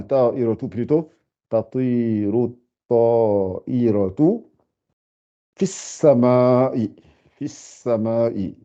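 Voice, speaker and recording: A man teaching a beginners' lesson, patiently repeating words and sounding them out slowly. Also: on the low side, dark tone. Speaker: Arabic teacher. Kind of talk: slow spoken lesson. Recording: dull lo-fi sound.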